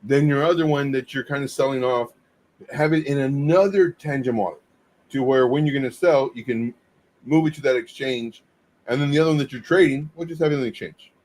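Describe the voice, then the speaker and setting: A man co-hosting a casual crypto livestream, teasing and halting with frequent restarts. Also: medium pitch, darkish tone. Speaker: co-host.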